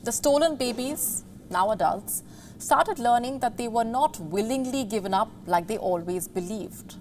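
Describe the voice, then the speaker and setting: A woman presenting a scripted news feature in a dramatic, deliberate storytelling manner, pausing for emphasis. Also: fairly high pitch, expressive, darkish tone, a little hiss or hum.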